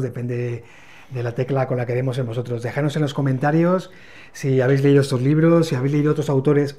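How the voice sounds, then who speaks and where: Spanish man, co-host of a book channel, warm dark tone, measured reviews. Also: medium pitch. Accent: Spain Spanish. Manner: measured, explanatory summarizing.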